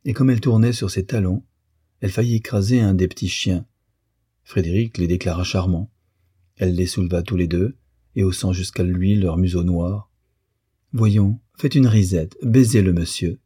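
A man narrating a classic novel in a measured, unhurried way. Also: deep voice, steady tone, dark tone, slightly rough, no room sound, clean studio sound. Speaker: audiobook narrator.

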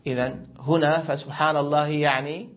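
A middle-aged man teaches a religious grammar lesson and weaves stories in, often asking a question before he answers it. His voice sits somewhat higher than most men's. The recording is dull and muffled. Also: fairly even intonation, brisk. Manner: explanatory, asks questions then answers them.

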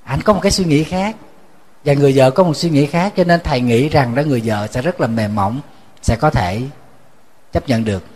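A man, a Buddhist monk, giving a sermon as a lively storyteller who repeats words when he restarts. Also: fairly quick. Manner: storytelling, acting out quoted voices with rising pitch.

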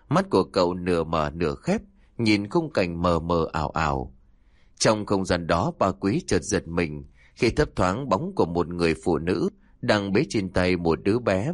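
Deep-voiced man narrating horror. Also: no room sound, clean studio sound. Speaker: storyteller.

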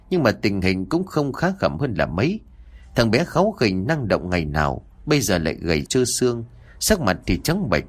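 A man narrating an audio story with expressive, dramatic emphasis. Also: mid-range voice.

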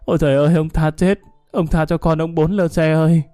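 A man's voice: steady tone, fairly quick, dark tone, no echo, studio quality, faint music behind, close to an everyday voice. A man voicing a terrified young man held at knifepoint who wails and begs for his life. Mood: wailing, pleading. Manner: shrill pleading wails.

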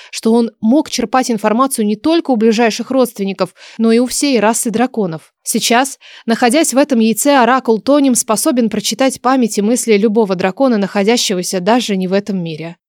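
A woman reading a fantasy audiobook as narrator, in an even storytelling manner. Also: on the high side, a little fast, few pauses, no echo, clean studio sound. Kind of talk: scripted narration.

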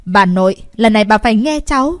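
A woman's voice: medium pitch, expressive, brisk, no room sound, studio quality, lightly acted. A woman voicing a stern young woman who gives firm, cold orders in a storybook reading.

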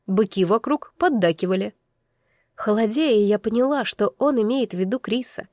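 A woman's voice: medium pitch, moderate pace, a little mellow, no echo, clean studio sound. A woman narrating a fantasy audiobook in the first person, tense and inward.

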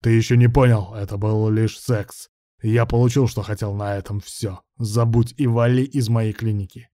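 A man's voice: lowish voice, steady tone, moderate pace, dark tone, no echo, studio quality, natural voice. A man reading as a harsh vengeful clinic boss. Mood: harsh, dismissive. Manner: barking, curt.

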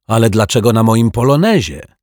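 A man voicing a hot-tempered male building caretaker who shouts indignantly, in a storybook reading. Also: low voice, unhurried, husky, no echo, studio quality, exaggerated voice. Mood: irritated.

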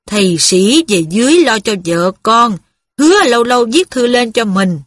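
A man's voice: very high-pitched, very animated, moderate pace, fairly bright tone, no room sound, studio quality, heavily acted. A woman voicing a kindly, plain-spoken middle-aged male worker who talks in an earnest, folksy way. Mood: reminiscing.

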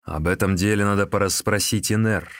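A man voicing a cold, vengeful sworn brother who speaks slowly and mockingly. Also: lowish voice, steady tone, no room sound, studio quality, lightly acted. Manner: slow, mocking.

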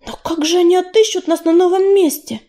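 A woman voicing a timid young female apprentice cat, anxious and breathy in an audiobook. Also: sits high, a little slow, dark tone.

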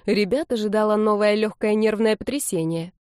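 A woman narrates a story in a lively, expressive way at a middle pitch. The recording is close and completely dry, with no room around it. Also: a little fast, smooth, no echo. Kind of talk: audiobook narration.

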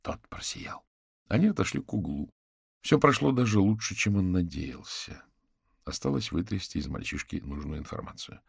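A man narrating an audiobook in an expressive, animated reading. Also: deep voice, moderate pace, gravelly, husky, no echo, clean studio sound. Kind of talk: scripted narration.

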